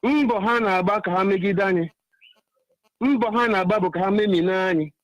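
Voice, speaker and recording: A man from Ebonyi State, Nigeria, with an Igbo accent, calls into a radio phone-in with an impassioned political monologue. His voice is high and a little fast, and he speaks emphatically and repetitively. The audio is poor and has no room sound.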